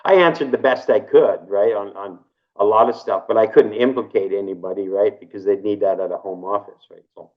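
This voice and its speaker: A fifty-something man from Canada, low-pitched and fairly quick, speaks casually as an interview guest. He tends to ramble and repeat points, frequently adding "right?" to the end of sentences. The recording comes across as dull and lo-fi.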